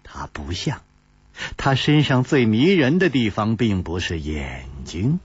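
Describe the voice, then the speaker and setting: Lively, slow-paced male storyteller. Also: fairly low pitch, breathy edge, no room sound, lo-fi sound. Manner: lively, animated, laughing at his own lines. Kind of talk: pingshu-style storytelling.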